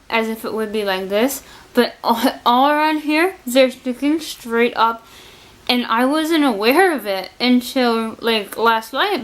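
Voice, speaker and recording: Higher-voiced woman talking through a sore jaw. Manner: speaking with a sore, stiff jaw that barely opens. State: recovering from jaw surgery, numb mouth. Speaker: vlogger sharing surgery recovery. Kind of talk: casual chat.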